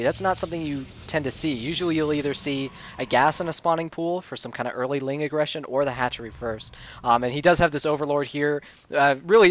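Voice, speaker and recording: A man's voice: on the high side, a little hiss or hum. A man casting a video game match, talking casually with frequent fillers. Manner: casual, chatty, uses many fillers. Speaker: esports caster. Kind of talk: play-by-play game commentary.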